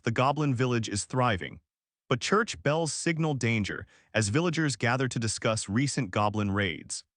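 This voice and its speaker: The comic recap is read as scripted narration by a man whose pitch rises and falls animatedly. Recorded close and dry with no echo and barely any room sound, he reads quoted lines in the same plain narrating voice.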